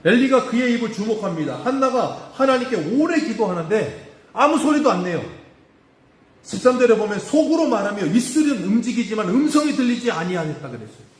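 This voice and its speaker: A man preaching a sermon as pastor, animated, acting out the people in the story with a rising voice. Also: high voice, a little fast. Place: church sanctuary. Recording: echoey church room.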